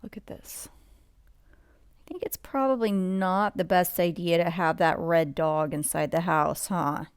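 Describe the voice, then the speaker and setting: With a fairly low, clear, resonant voice, a woman reads a bedtime picture book in studio-quality audio with no echo. She goes slowly and talks with the listener, drawing attention to details and tossing in questions and asides.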